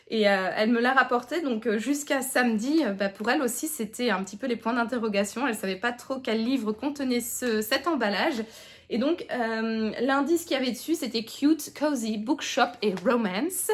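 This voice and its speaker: Chatty young woman. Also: fairly high pitch. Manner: chatty, rambling, many fillers and restarts. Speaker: book vlogger. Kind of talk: casual chat to camera.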